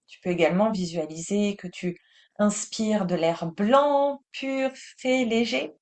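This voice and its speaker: French woman teaching meditation, calm and soothing, very slow delivery. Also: mid-range voice.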